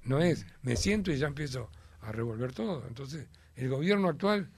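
A man's voice: mid-range voice, animated, normal speed, slight background noise. A man with a Uruguayan Spanish accent, chatting as a guest in an emphatic, rambling way with many fillers. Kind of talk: casual chat.

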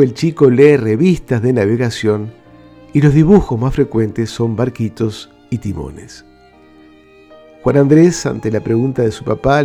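A man hosting a radio program, calmly telling stories and reading out letters from listeners. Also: medium pitch. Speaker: radio host.

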